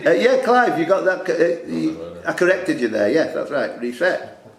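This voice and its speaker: In a club room, a male quiz host reads questions and teases the crowd with jokey banter. His gravelly voice is fairly high, swings widely in pitch, and moves at a normal speed. The recording is echoey, with background noise.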